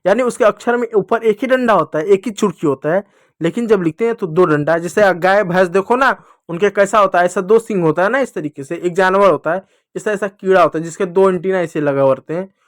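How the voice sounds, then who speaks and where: A man teaching children, patiently repeating each sound slowly and drawing out the vowels. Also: sits high, no room sound, studio quality. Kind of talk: Hindi lesson for children.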